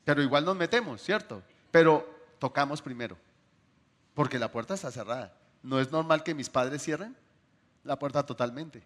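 A man preaching a sermon to his congregation, asking them questions and swinging between loud bursts and soft, drawn-out phrases. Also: fairly high pitch.

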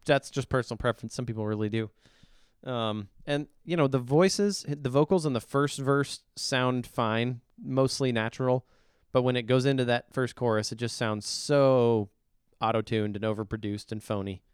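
This middle-aged man co-hosts a podcast, trading blunt, opinionated song reviews in casual chat. His mid-range voice is clear and resonant, at a moderate pace, recorded clean in a studio with no room sound.

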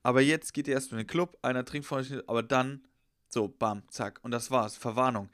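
A man's voice: medium pitch, fairly even intonation, normal speed, fairly bright tone, no room sound, studio quality. A young man in casual chat, telling a rambling, slangy story and acting out the voices of the people in it.

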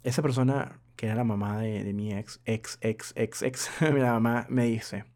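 A man's voice: mid-range voice, steady tone, moderate pace, darkish tone. A young man chatting casually to his viewers, telling a personal story in a rambling way with many hesitations and asides. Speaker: vlogger.

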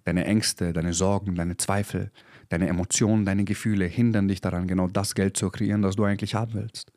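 Brief: thirties male podcast host, low-pitched, fiery motivational preacher, dry close mic. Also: flat delivery, brisk, darkish tone, dry recording. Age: 30s. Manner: intense, preachy, swears, drops English phrases. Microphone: podcast microphone.

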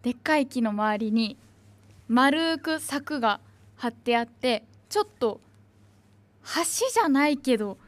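A woman's voice: a little high, expressive, a little slow, no room sound. A young woman, an announcing student, rambling nostalgically in casual free talk. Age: young adult.

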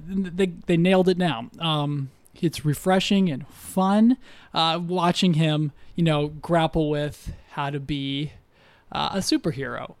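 Higher-voiced man rambling about movies. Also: measured pace, dry recording. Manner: rambling, hesitant, many fillers and restarts. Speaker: podcast co-host. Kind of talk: casual podcast chat.

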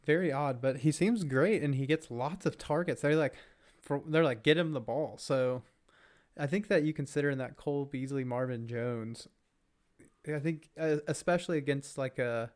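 A man's voice: medium pitch, moderate pace. Laid-back man chatting on a podcast. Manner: laid-back, brief agreeing replies. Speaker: podcast co-host. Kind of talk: casual podcast chat.

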